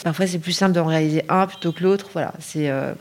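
A middle-aged woman from Paris speaks as a guest on an interview podcast. She is hesitant, with frequent fillers and self-corrections. Her voice sits slightly lower than most women's. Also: fast, darkish tone. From Paris, France. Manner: hesitant, many fillers and restarts. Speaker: lighting designer, guest.

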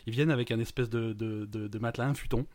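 A man's voice: medium pitch, fairly even intonation, fast, darkish tone. A man co-hosting a casual news chat, telling stories with hesitations. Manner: hesitant, storytelling with fillers. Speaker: podcast co-host.

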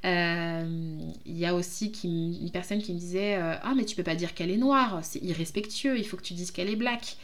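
A woman from France hosts her own podcast, talking in a casual, reflective monologue. Her voice sits a little low for a woman. She pauses often as she gathers her thoughts. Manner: reflective, hesitant, many pauses. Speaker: podcast host, jurist.

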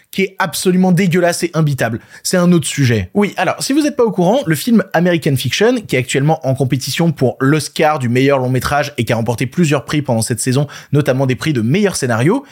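A man's voice: on the high side, a little mellow. A French man hosting a casual film podcast, sarcastic and ranting. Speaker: podcast host. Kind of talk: casual film news chat.

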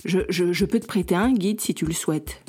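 A woman's voice: on the low side, brisk, a little mellow, breathy edge. A woman reading a first-person story as a young French woman newly moved to Canada, earnest and lightly self-mocking.

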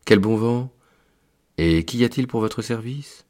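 A man voicing a kindly old Saint Peter, keeper of heaven's book, in a fatherly, unhurried tone. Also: on the low side, darkish tone, voice pushed up, natural voice. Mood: welcoming. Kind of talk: storytelling read-aloud.

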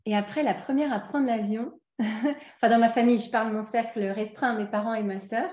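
A woman in her forties from France talks through an interview in a hesitant way, often pausing on fillers and starting over. Her voice sits at a middle pitch. The sound is roomy and a bit dull. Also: fairly even intonation, a little mellow. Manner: hesitant, many fillers and restarts. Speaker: guest. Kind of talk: casual interview chat.

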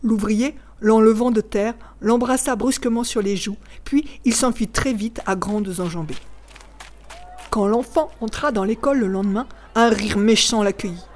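A woman narrating a classic tale in a measured, expressive storytelling voice. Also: mid-range voice. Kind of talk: audiobook reading of a classic tale.

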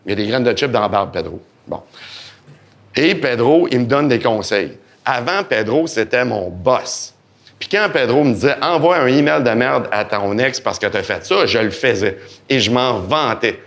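A man with a Québécois French accent speaking as a guest on a live podcast in front of an audience, animated and joking, acting out the voices in his head. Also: medium pitch, normal speed. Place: event hall with live audience.

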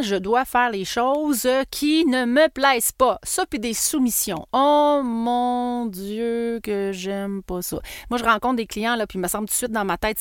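A middle-aged Québécois woman gives motivational coaching in a solo podcast. She talks in an animated, emphatic way and leans on repeated phrases. The sound is close and dry, with a mid-range voice. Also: mid-range voice, dry recording.

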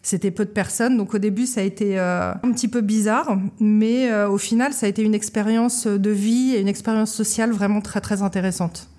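A woman in her thirties from Paris talks about her life in a casual interview. She sounds a little tired and hesitates a lot, with fillers and false starts. Her voice sits at a middle pitch. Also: steady tone, a little fast, hardly any pauses, warm tone. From Paris, France. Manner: hesitant, many fillers and restarts. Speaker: guest, love-shop co-owner. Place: small shop.

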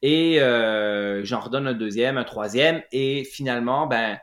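A middle-aged guest from Lac-Saint-Jean, Quebec, who founded a running clinic, tells his story in an interview with a Quebec French accent. His mid-pitched, slightly bright voice is hesitant, full of fillers and restarted phrases. The room sounds roomy and echoey.

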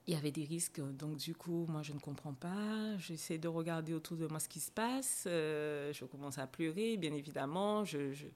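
A young adult woman with a low, darkish voice shares a personal experience as a guest in a podcast interview. She speaks at a moderate pace with few pauses, but sounds hesitant and emotional, using frequent fillers and restarts.

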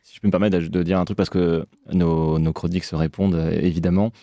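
Deep-voiced fast-talking male podcaster. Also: flat delivery, dark tone, no room sound. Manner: eager banter, restarts his sentences. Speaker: podcast co-host. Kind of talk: casual film podcast chat.

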